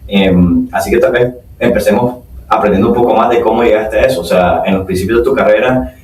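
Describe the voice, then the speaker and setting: Low-voiced male podcast host, echoey room. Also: a little fast, darkish tone. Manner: rambling questions with many fillers. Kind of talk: hosting an interview. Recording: echoey room, distant mic.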